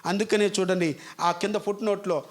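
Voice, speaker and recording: A man's voice: high voice, steady tone, moderate pace. A male pastor, preaching a sermon and firing rhetorical questions at his congregation in an emphatic, scolding way.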